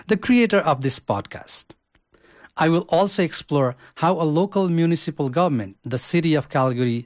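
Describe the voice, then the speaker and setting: A man's voice: on the high side, a little mellow, no echo, clean studio sound. Nepal-born man reading a podcast script. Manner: careful, measured reading with list-like phrasing. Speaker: social work student podcaster.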